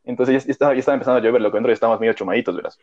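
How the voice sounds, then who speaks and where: A man's voice: medium pitch, fairly even intonation, racing, a little mellow. A young man, telling a story in casual chat, rambling and full of slang and fillers. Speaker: podcast co-host. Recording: dull lo-fi audio.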